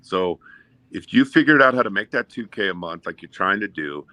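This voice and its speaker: A man in his fifties speaking in casual chat, giving measured, encouraging advice. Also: lowish voice, lively intonation, sharp tone, no room sound. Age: 50s.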